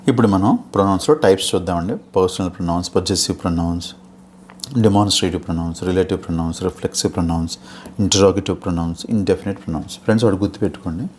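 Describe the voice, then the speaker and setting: Deep voiced telugu guy teaching grammar, patient, keeps saying okay, bit of hiss behind. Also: steady tone, racing, darkish tone. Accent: Telugu-accented English. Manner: patient, explanatory, checks in with "okay?" often. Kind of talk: exam-prep lecture in Telugu with English terms.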